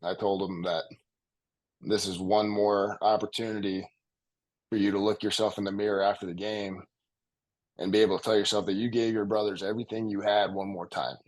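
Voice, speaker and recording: A young man with a lowish voice reflects in an interview, speaking slowly and earnestly. He repeats key phrases for weight and sounds close to tears as he holds his emotion in check. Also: little pitch movement, a little mellow, poor audio. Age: young adult. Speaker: college football player guest.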